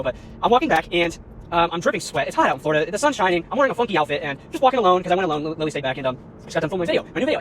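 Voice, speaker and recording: A man's voice: high voice, a little hiss or hum. A man in his twenties rambling through a storytime vlog, filled with "like" and acted-out dialogue, recorded on a phone outdoors. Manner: fast, rambling storytelling full of "like" and quoted dialogue. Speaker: YouTuber. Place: outdoors by a road in the heat.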